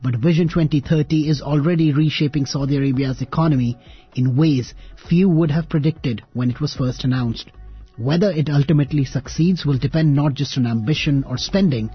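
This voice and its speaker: A man with a husky voice presenting a scripted radio documentary. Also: medium pitch, muffled recording.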